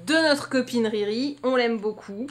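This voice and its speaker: A fairly high-voiced woman talks through her make-up routine. She is chatty and playful, full of little fillers and asides. Recorded close to a camera mic. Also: a little slow. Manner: chatty, jokey, lots of fillers and laughs. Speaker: beauty vlogger. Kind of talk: casual make-up tutorial chat.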